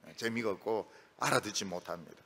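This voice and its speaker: Middle-aged pastor guy preaching, gravelly and husky, super animated, big echoey church hall. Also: fairly low pitch, quick pace. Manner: animated, acts out quoted voices, lively storytelling. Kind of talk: sermon. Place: church sanctuary. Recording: long reverb of a church hall.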